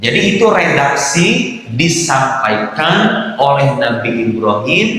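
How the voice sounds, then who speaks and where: A man's voice: mid-range voice, lively intonation, unhurried, fairly bright tone. A male Islamic preacher giving a conversational sermon to a congregation. He acts out quoted dialogue as he tells stories and speaks directly to his listeners. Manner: conversational, addresses the audience directly. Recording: echoey hall with long reverb.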